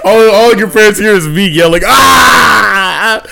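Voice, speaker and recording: A young man co-hosting a podcast, loud and joking, swearing and laughing a lot. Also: sits high, a little fast, a little hiss or hum. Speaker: podcast co-host. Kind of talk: casual podcast chat.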